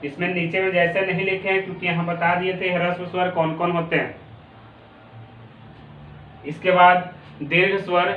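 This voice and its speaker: A man's voice: high-pitched, a little hiss or hum. A male teacher with a Bihari Hindi accent explaining a lesson, repeating definitions and drawing out sounds. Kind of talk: classroom lesson. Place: classroom. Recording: echoey room, distant tinny phone-like mic.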